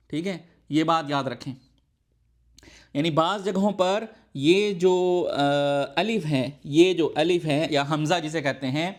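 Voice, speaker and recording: Male language tutor, higher voice, patient and repetitive, demonstrates sounds aloud. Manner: patient, often checks in with the learner; slowly demonstrates sounds, repeating them aloud. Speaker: Arabic teacher. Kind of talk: recorded language lesson.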